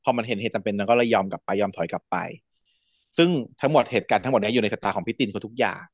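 A podcast host with a lowish voice recaps a series in a casual chat, talking rapid-fire and energetically retelling the story while acting out the characters' lines. There's no room sound.

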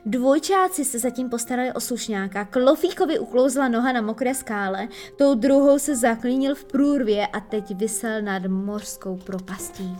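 A woman narrating a children's storybook in a lively, expressive way. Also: fairly high pitch. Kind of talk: storybook reading.

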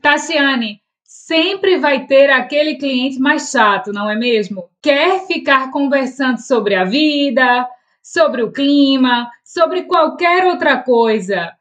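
A woman's voice: high voice, expressive, slow pace. A woman interviewer reading short scripted questions to her guest. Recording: loud music underneath.

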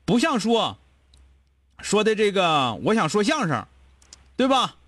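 A man with a Northeastern Mandarin accent lectures a caller bluntly, firing off one rhetorical question after another. His voice sits very high for a man and leaps around a lot. The sound is dry and close, with no room echo. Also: sing-song, fairly bright tone. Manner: blunt, scolding, rapid-fire rhetorical questions. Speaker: advice show host. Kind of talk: call-in advice chat.

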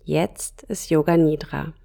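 A woman with a creaky, fairly low voice leads a yoga nidra meditation. She is soft and calm, speaking very slowly and leaving long gaps between short phrases.

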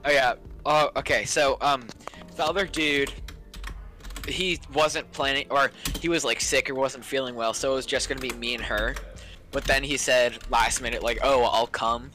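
A man's voice: mid-range voice, sharp tone. A man co-hosting a casual podcast chat with friends, joking around and telling rambling stories. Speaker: podcast co-host.

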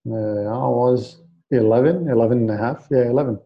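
A man in his late twenties, originally from Iraq, speaks earnestly as a guest in a casual interview, frequently restarting his words. His voice is mid-range at a normal speed, and the recording has its highs cut off.

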